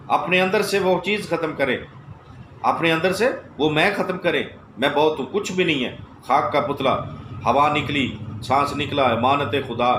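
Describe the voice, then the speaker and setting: A man's voice: mid-range voice, a bit bright, reverberant, a little hiss or hum, poor audio. A man with a Pakistani Urdu accent giving an earnest religious sermon, pressing his listeners with rhetorical questions. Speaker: spiritual teacher.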